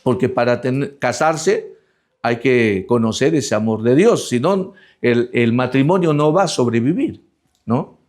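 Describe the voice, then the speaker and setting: A middle-aged male pastor preaching a sermon in a conversational way, often tagging questions onto his sentences and slowing down to stress the scripture he reads. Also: medium pitch, expressive, a little mellow. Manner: conversational preaching, constant "¿no?" tags, slowed emphatic scripture reading.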